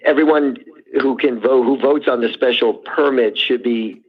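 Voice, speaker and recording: A man's voice: medium pitch, normal speed. A man on a phone line, calling into a public meeting as a board member and explaining procedure carefully. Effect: heard over a phone line. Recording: muffled, husky phone line.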